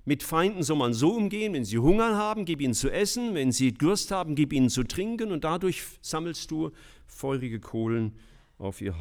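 A middle-aged man preaching a sermon in a lively, emphatic way, with humorous asides. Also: mid-range voice.

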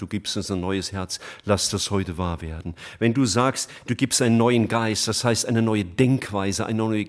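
A man preaching an emotional sermon to a congregation, earnest and rising to fervent emphasis, reading scripture slowly. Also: fairly low pitch.

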